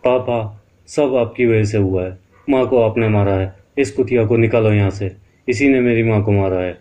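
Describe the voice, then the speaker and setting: A man's voice: fairly low pitch, moderate pace, mellow, muffled recording, lightly acted. A man voicing a grieving young daughter who accuses her father in a sobbing, furious way. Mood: accusing.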